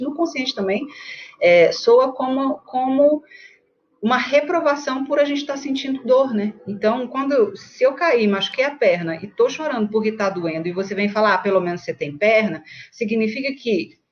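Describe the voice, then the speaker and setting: A woman with a medium-pitched voice and a Brazilian Portuguese accent teaches a book study casually and conversationally, often checking in with tag questions and acting out examples. The audio is dull, with slight background noise.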